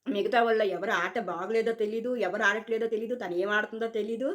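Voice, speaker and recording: Fast-talking opinionated woman commentator. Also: mid-range voice, steady tone. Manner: chatty and opinionated, repeats words for emphasis, acts out quotes. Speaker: commentator on a reality show. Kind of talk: casual opinion monologue.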